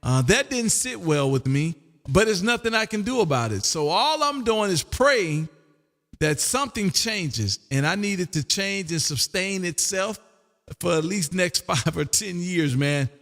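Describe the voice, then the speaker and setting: An older man of about sixty hosts an amateur radio stream from his home radio room, rambling in a casual, folksy way and often ending sentences with "man." His voice is high, a bit bright, and a little slow with lively intonation, and long echoing room reverb surrounds it.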